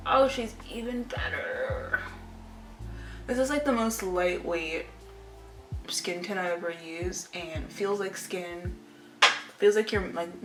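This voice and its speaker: A woman in her twenties chats informally with a fairly low voice, rambling and confiding as she goes. The room adds a clear echo, and music plays behind her. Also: a bit bright. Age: 20s. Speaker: lifestyle vlogger. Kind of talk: casual chit-chat to camera. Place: indoor room at home.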